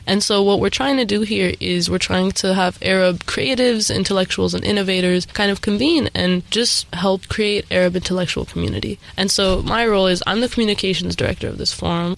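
A woman's voice: mid-range voice, gravelly, poor audio. A young American woman from California, speaking as a guest poet on the radio. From California, United States. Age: young adult. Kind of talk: radio interview and poetry reading.

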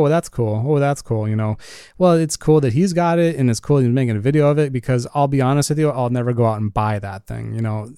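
Recording alone in his home studio on a condenser microphone, a music producer hosts a laid-back podcast, rambling and leaning heavily on "you know." His voice is mid-range, dark and smooth, with no room sound at all.

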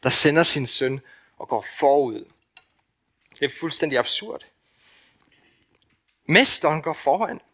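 A young man preaches in a Danish accent, his voice bright and ringing. He delivers the sermon with passion, pushing up into loud emphatic peaks and then dropping to hushed, intimate lines. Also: fairly high pitch, expressive, pauses often.

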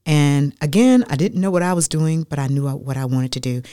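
A woman, a radio guest telling her life story in an animated, chatty way that repeats phrases for emphasis. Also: low voice, brisk, no echo, clean studio sound. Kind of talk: casual storytelling interview.

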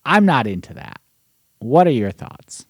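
Male podcast host, natural unscripted casual chat, mid-pitched, teasing and probing, very dry recording. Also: big pitch swings, measured pace, husky, no room sound.

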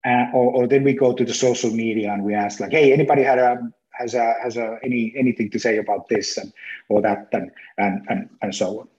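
A man giving a webinar presentation on sales, speaking haltingly with frequent restarts. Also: mid-range voice, fairly even intonation, darkish tone. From Finland. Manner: halting, many restarts and fillers. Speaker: marketing consultant presenter. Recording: echoey room, dull lo-fi sound.

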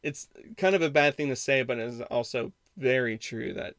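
A male podcast host tells a story in a loose, rambling way, restarting sentences as he goes. His voice sits in a middle pitch. The recording is dry, with no room sound. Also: moderate pace, a bit bright, no echo. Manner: rambling, frequent restarts and self-corrections. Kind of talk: casual storytelling monologue.

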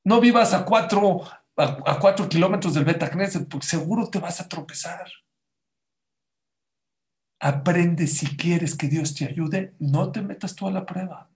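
A man's voice: high-pitched, measured pace. A man preaching a Torah sermon, emphatic and questioning his listeners directly, with Hebrew religious terms mixed in. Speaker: rabbi teaching a Torah class. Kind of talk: Spanish-language Torah sermon. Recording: roomy echo.

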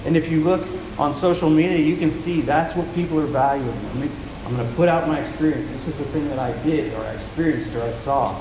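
Speaking briskly with barely a pause, a soft-voiced pastor whose pitch runs a bit high for a man reads scripture and preaches into a handheld mic. Repeated words crop up as he gropes toward each idea. The recording is reverberant, carrying the echo of a big church room and a steady hum of noise.

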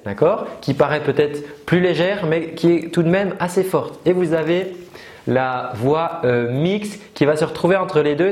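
A man's voice: fairly high pitch, a little mellow. A man teaching singing in a casual online lesson, explaining with many fillers and demonstrating sung notes. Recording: roomy echo.

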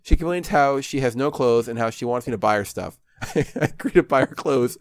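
A man's voice: medium pitch, lively intonation, brisk, dry recording, studio quality. A man narrating a game playthrough in a sarcastic, self-mocking way.

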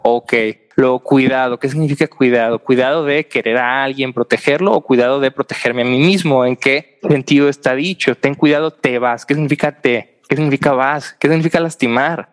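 Young guy on a podcast, explains stuff at length, keeps adding little "no?" checks, normal mid voice. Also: mid-range voice. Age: young adult. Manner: explains at length, often adds tag questions. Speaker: podcast guest, philosophy student. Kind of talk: casual explanatory podcast conversation.

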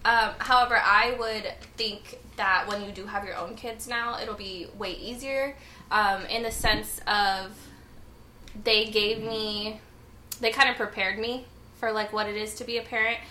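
A young woman in her twenties co-hosts a casual podcast chat, frank and joking, with plenty of "um" and "like". Her voice is bright and clear, with a faint hiss of background noise. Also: medium pitch, fairly even intonation, measured pace, low-quality recording. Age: 20s. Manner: frank and joking, many fillers. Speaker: podcast co-host.

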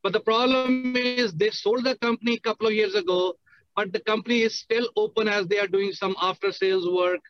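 A man's voice: high-pitched, steady tone, brisk, dry recording, highs cut off. A man calling in on a car speakerphone while he drives, steadily and carefully explaining his question in detail. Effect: car speakerphone while driving. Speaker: caller asking a question. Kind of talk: casual question on a call.

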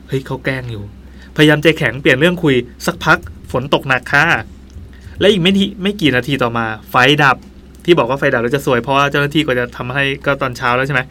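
A man's voice: medium pitch, steady tone, quick pace, bright, forceful tone, a little hiss or hum. A man hosting a podcast, reading a listener's ghost story aloud in a playful way and adding his own joking asides. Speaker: podcast host.

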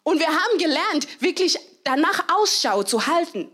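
A woman preaching a sermon, lively and given to laughter, acting out cheers and quoted voices and slowing down hard on key phrases. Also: very high voice. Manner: slows down for emphasis on key phrases.

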